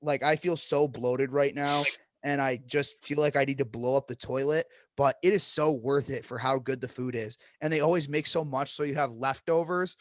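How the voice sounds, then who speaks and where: A young man co-hosting a casual podcast, speaking in a blunt, profane, joking way. His voice sits at an ordinary middle pitch. The recording is dry and close, with no room echo. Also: fairly even intonation, normal speed. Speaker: podcast co-host.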